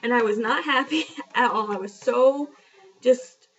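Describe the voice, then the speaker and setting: The recording is dull and lo-fi, captured from a distance, as a young vlogger recounts something personal. Her voice is a little high and a bit bright, her pace unhurried, and her manner chatty, frank and self-deprecating with plenty of fillers.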